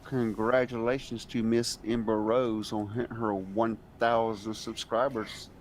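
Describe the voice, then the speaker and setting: A man's voice: fairly low pitch, level tone, a little slow, slight background noise. A man co-hosting a live-streamed news show, chiming in with short, playful remarks. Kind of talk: casual live-stream banter.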